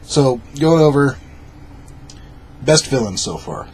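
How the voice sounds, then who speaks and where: A man's voice: mid-range voice, big pitch swings, slow pace, darkish tone, slight background noise, low-quality recording. A drunk man co-hosting a film review in loose, casual conversation.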